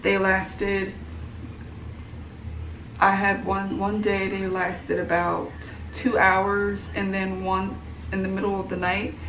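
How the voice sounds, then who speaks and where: A woman's voice: mid-range voice, completely flat delivery, takes it slowly, a bit bright. Pregnant woman in her thirties, tired and rambling in a casual vlog, recorded at a distance in a roomy home with background noise. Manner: rambling, many fillers and restarts. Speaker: vlogger. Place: at home, room with echo. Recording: roomy, from the mic, noisy home.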